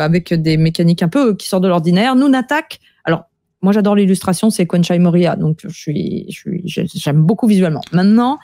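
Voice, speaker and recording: Give me a woman co-hosting a casual podcast, with a warm, mellow voice, recorded dry, talking with lots of fillers. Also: mid-range voice, dry recording. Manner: chatty, hesitant with many fillers. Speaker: podcast co-host. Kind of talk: casual chat about board game news.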